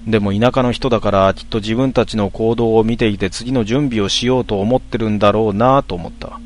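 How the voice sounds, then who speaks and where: Calm man reading a ghost story. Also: fairly low pitch, slight background noise. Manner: calm, measured, hushed storytelling.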